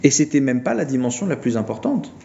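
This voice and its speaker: A man giving an informal philosophy lecture, retelling a film plot with mocking, animated storytelling. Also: mid-range voice, quick pace, highs cut off, a little hiss or hum.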